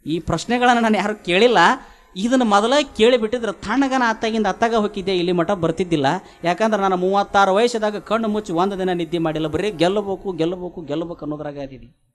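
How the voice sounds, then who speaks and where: A man doing a proud conquering king who brags and bristles, his North Karnataka Kannada accent carrying a fairly high voice. The king talks in a storytelling way, boastful and indignant. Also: quick pace, lightly acted. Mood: troubled.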